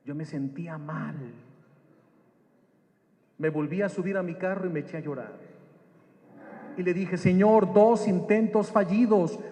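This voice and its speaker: Slow-talking high-voiced male preacher, echoey hall. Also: darkish tone. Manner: asks the audience questions; acts out quoted dialogue. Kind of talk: sermon with personal story. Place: church hall. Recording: long echo of a hall.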